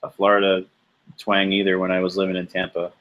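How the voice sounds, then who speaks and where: A man's voice: deep voice, monotone, a little fast. A man from New York chatting casually as a guest, laid-back with stammering restarts. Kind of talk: casual chat. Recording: dull muffled sound.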